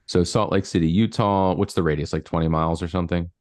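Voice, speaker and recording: In this screen-share coaching session, a marketing coach in his forties walks a client through things step by step over video. His voice is low, steady in tone and a little mellow, and he talks fast, packing his explanations with fillers.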